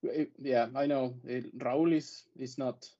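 A man with a medium-pitched voice chats casually as a guest on a sports podcast. The recording is slightly dull and lo-fi. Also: fairly even intonation, slow, mellow.

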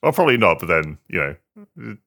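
A British hardware journalist co-hosting a podcast chats casually, hesitating and stammering in a self-deprecating way. His low voice is very animated, pushed and bright with vocal fry, at a normal speed.

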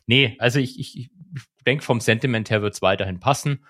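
A man's voice: mid-range voice, fairly quick. Man chatting casually on a podcast. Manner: relaxed, opinionated, stumbling restarts. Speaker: podcast co-host.

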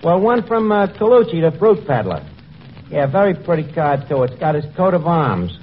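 A man's voice: on the high side, big pitch swings, normal speed, muffled recording. An actor playing a wisecracking male tavern manager who mangles his words, heard as a 1940s radio comedy broadcast. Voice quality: folksy, malaprop-prone, sly delivery. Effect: old radio broadcast sound. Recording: scratchy 1940s radio recording with live audience. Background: studio audience laughter and hiss.

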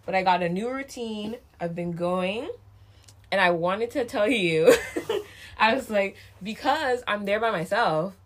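A woman's voice: mid-range voice, animated, unhurried, noisy background. A woman co-hosting a podcast in casual chat, chatty and joking, laughing often as she talks. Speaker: podcast co-host.

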